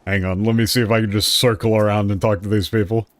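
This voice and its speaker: A man's voice: lowish voice, little pitch movement, fast talker, dry recording. A man streaming a video game, chatting casually and loosely paraphrasing the characters' lines as he plays. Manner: chatty, thinking aloud, loosely paraphrasing dialogue. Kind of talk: casual let's-play commentary.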